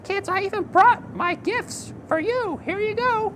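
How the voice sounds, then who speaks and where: A man voicing a silly, excitable young friend who keeps mixing up the holidays, in a giddy, high-spirited way. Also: a little slow, noisy background.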